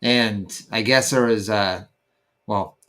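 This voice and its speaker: A man with a fairly low voice talks in casual podcast chat. He rambles and uses many fillers, often pausing to hunt for the right word. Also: bright, forceful tone. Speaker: podcast co-host.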